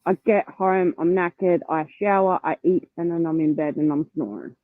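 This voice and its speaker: A woman's voice: fairly low pitch, fairly even intonation, moderate pace. Tinny-sounding woman on a call. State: coming down with a cold. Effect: tinny earbud mic over a call. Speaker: remote caller on a livestream. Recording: tinny, dry, phone-like call audio.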